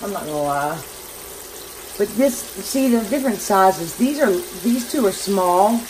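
A woman's voice: mid-range voice, expressive, measured pace. A woman with a Southern accent chatting casually as she cooks at home, rambling and poking fun at herself. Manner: chatty, rambling, self-deprecating. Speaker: home cooking vlogger. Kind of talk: casual cooking demonstration. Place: home kitchen, overhead camera on the stove. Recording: noisy kitchen with a loud fan.

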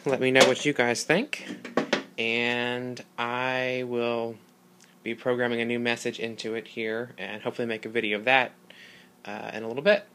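A man with a bright, forward voice walks through a casual product demo. He explains things haltingly and informally into a handheld camera mic, with faint noise in the room. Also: medium pitch, level tone. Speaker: hobbyist video host. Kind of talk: casual product demonstration vlog. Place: small carpeted room indoors. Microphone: handheld phone or camera mic.

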